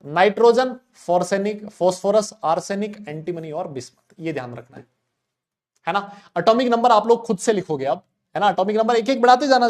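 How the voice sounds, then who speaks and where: High-voiced chatty male chemistry teacher. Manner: chatty, asks and answers his own questions, playful mnemonics. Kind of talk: casual classroom lecture.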